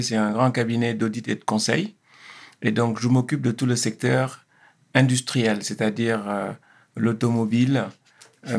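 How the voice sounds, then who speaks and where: A man, speaking as an interview guest in a measured, hesitant way with many pauses and restarts. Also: medium pitch, vocal fry. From Senegal. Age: 50s. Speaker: interview guest, engineer and consultant. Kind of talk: casual interview.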